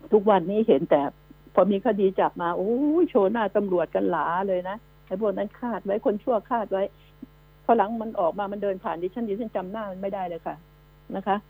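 A woman's voice: mid-range voice, gravelly. A woman hosting a radio news commentary show, scolding and emphatic, firing rhetorical questions at her listeners. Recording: narrow phone-like radio line with mains hum.

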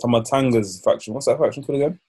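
A man's voice: medium pitch, very fast, darkish tone, breathy edge. A man with a London roadman accent chatting casually as a podcast co-host, slangy and repeating himself for emphasis. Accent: London, urban roadman slang. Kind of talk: casual chat.

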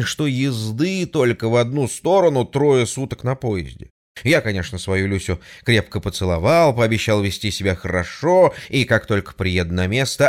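A man reading a humorous story aloud in a wry, conversational way. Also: mid-range voice.

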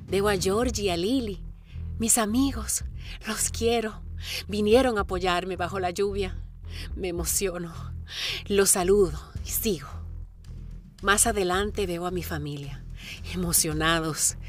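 A middle-aged woman narrates her marathon in the first person, with reflective inner-monologue narration and sudden bursts of excitement. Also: mid-range voice, measured pace, long pauses, faint music behind.

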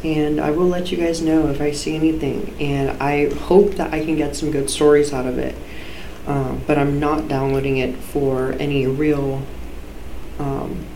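A very echoey recording of a podcast host with a soft-edged, mellow, mid-pitched voice. The delivery is a casual, sweary monologue that often interrupts itself. A cheap mic picks up the reverberant room and some faint noise. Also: level tone, unhurried. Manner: informal, sweary, self-interrupting. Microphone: low-quality microphone.

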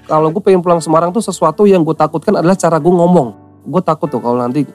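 Over faint music, a young man from Central Java, Indonesia, tells his story on a casual podcast in fast, slangy talk. His voice is a little high and a little mellow, and he acts out the voices he quotes.

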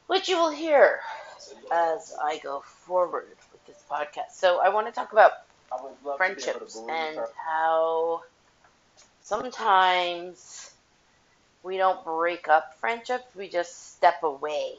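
On this casual solo podcast, a woman with a lowish, sing-song voice takes her time while doing the dishes. She speaks bluntly and profanely, with frank opinions. A headset mic lends a dull, tinny, tin-can sound, and dishes clatter faintly in the background.

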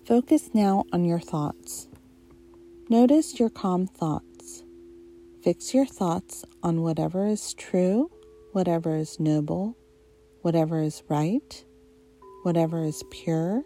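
A woman guiding a relaxation meditation in a soft, soothing, hypnotist-like voice, leaving long pauses between short phrases. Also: on the low side, faint music behind. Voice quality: soft, mellow. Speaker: guided meditation narrator.

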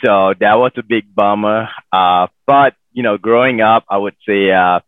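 A man from Malaysia, a podcast guest, telling his story in a relaxed way with many fillers. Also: fairly low pitch, moderate pace, dry recording. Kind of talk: casual interview storytelling. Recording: dry tinny phone-like line.

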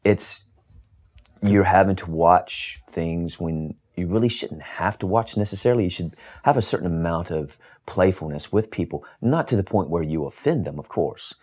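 A man talking as a podcast guest in casual chat, with a formal way of speaking and crisp stress on his T's. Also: deep voice, expressive, moderate pace, darkish tone.

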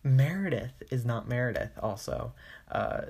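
A man's voice: medium pitch, animated, unhurried, vocal fry, a little mellow, husky. Man, podcast host, casual recap, chatty and loose, lots of filler words.

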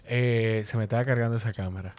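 Un presentador de podcast que conversa de forma relajada y animada, con risas frecuentes y tono bromista. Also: male voice, on the low side, quick pace. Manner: lively, laughs often, teasing. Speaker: podcast host. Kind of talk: casual chat.

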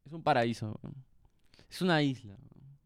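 Joven co-presentador peruano, voz suave y tersa, habla bajito y relajado, micrófono cercano y seco. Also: male voice, medium pitch, animated, moderate pace, no echo, studio quality. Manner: soft-spoken, joking and laid-back. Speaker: podcast co-host. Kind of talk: casual chat.

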